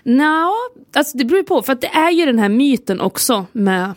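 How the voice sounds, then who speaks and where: Young woman podcast co-host, playful and teasing, mid pitch, dry close mic. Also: expressive, dry recording. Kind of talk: casual chat.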